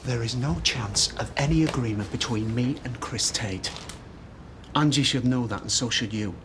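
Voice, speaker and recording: A man's voice: mid-range voice, normal speed, noisy background, lightly acted. An actor playing a stubborn, smug businessman in a television soap drama, defiant and flirtatious.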